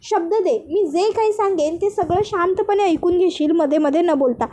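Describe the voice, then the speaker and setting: A woman reading a calm, serious older brother. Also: very high voice, normal speed, a little hiss or hum. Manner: urging, plain reading voice.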